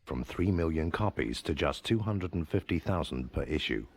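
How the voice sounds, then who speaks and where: A man narrating a mock documentary in a measured, deadpan manner. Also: rumbling low. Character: solemn male documentary narrator.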